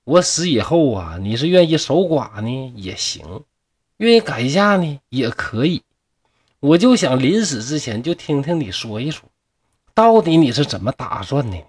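Dying peasant, suspicious and bitter, Northeastern Mandarin accent, husky and lively, read by a storyteller. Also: male voice, medium pitch, moderate pace. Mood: pleading. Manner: pleading, folksy.

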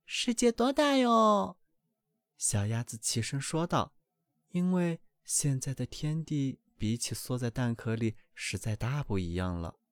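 A man narrating a children's storybook in an expressive read-aloud manner. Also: mid-range voice, a little slow, no echo.

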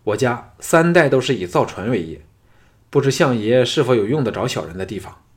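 A man's voice: medium pitch, expressive, fairly quick, natural voice. A man voicing a polite, deferential exiled nobleman in an audiobook, speaking humbly. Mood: humble. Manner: humble and apologetic.

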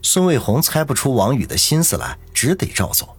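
Husky male storyteller, lively delivery, audiobook narration. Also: medium pitch, fairly quick, no echo. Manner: dramatic storytelling. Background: faint music.

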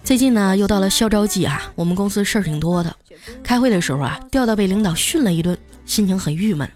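A woman's voice: mid-range voice, animated, fast talker, a little mellow, faint music behind. A woman host telling comic anecdotes in a chatty, scripted way. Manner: chatty, punchline-driven delivery. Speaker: comedy storyteller host. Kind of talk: scripted comedic storytelling.

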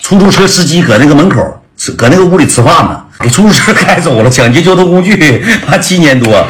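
A man's voice: on the high side, animated, fairly quick, a little hiss or hum. A man telling a story to his listeners in a blunt, slangy way, laughing as he goes. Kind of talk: casual storytelling to an audience. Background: music.

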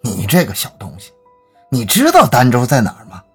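A man voicing an angry village father who scolds his young son in a gruff way. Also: medium pitch, huge pitch swings, a little fast, fairly bright tone, faint music behind, voice pushed down, exaggerated voice.

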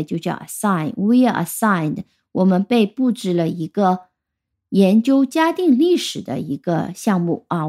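Woman teaching English words, mellow voice. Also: medium pitch. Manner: explains clearly, spells out letters and sounds words out slowly. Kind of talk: recorded vocabulary lesson.

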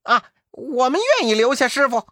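A man voicing a cheeky, boastful male monkey king who cackles and talks in quick bursts. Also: very high voice, fairly bright tone, dry recording, studio quality, pitched above the performer's own voice.

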